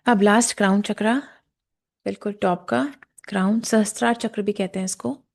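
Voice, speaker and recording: A woman teaching a guided meditation, explaining chakras in a calm, slow way and softly chanting devotional verses, sometimes in a whisper. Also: medium pitch, vocal fry. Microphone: camera and mic in front of her.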